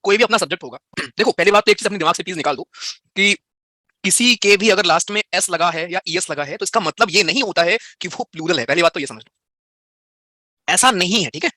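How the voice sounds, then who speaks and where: Young male grammar tutor with an Indian accent, quick and high-pitched, chatty with his live class. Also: expressive, bright, forceful tone, no echo, studio quality. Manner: chatty, explains in Hindi with English terms, answers students' chat questions. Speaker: English grammar teacher. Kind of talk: live online class explanation.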